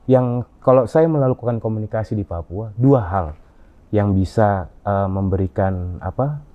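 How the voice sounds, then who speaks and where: Male interview guest, low-pitched, halting delivery full of fillers; muffled low-fi recording. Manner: halting, many fillers and restarts. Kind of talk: conversational interview. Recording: dull lo-fi audio.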